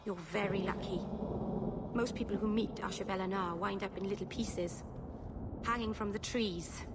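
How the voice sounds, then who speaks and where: A woman's voice: medium pitch, fairly even intonation, moderate pace, very noisy, natural voice. An actress playing a shy, earnest young elf woman, a mage who speaks hesitantly and apologetically in video game dialogue. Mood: solemn, earnest.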